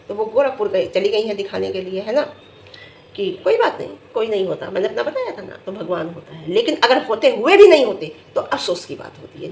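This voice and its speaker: A middle-aged woman giving casual vlog commentary, emphatic and scolding, her voice jumping high when she gets indignant. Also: a little mellow, slight background noise. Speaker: vlogger reviewing family vlogs. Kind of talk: casual talking-head commentary.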